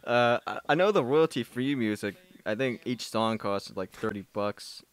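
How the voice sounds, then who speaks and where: A man's voice: medium pitch, expressive, moderate pace, clear, resonant tone. A man casually commenting on his own movie, rambling and self-mocking, laughing often.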